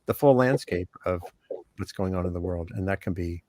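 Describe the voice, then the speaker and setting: A man's voice: low-pitched, normal speed, warm tone, dry recording. An older man hosting an online panel over a video call, talking casually and hesitantly with many fillers and restarts. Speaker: host.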